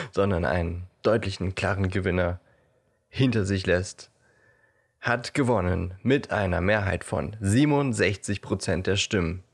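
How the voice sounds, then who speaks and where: Low, gravelly man, joking podcast host. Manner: playful, joking, laughs often. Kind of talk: casual podcast chat.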